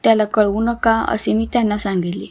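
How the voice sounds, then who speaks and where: A woman voicing a frail, ailing mother with a soft, tender delivery in a storybook reading. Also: medium pitch, fairly even intonation, brisk, natural voice.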